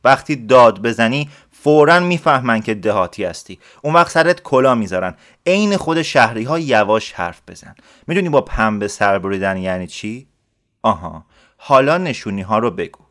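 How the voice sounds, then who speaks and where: A man voicing a calm, shrewd, kindly male letter-writer who questions patiently in a storybook reading. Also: medium pitch, hardly any pauses, close to an everyday voice. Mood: patient, coaxing. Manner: patient, coaxing.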